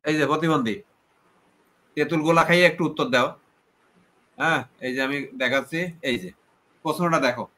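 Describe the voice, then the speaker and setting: A man's voice: on the high side, sharp tone. A man hosting a heated live debate, repeating himself and taunting his opponent. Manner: repetitive, taunting, insulting. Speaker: live stream host.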